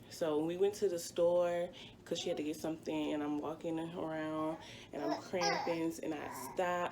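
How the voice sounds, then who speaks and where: With a deep, warm voice over slight background noise, a vlogger in her twenties tells a casual story from her own life. Her delivery rambles along chattily, packed with filler words.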